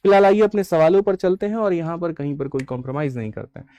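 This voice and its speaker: A man's voice: fairly high pitch, animated, quick pace, mellow, lo-fi sound. A young man who teaches exam preparation, explaining his course batches and fees to students in a casual, persuasive way, often calling them brother and tagging "theek hai". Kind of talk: online class sales pitch and lesson.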